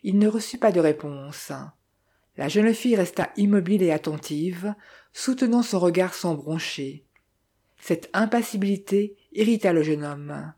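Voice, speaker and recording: Husky-voiced woman reading a novel. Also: lowish voice, unhurried, dark tone. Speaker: audiobook reader. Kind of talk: audiobook narration.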